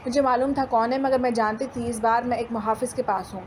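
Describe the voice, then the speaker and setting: Woman, story narrator, high pitch, steady delivery, occasional restarts, light background noise. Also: low-quality recording. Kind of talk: first-person story narration.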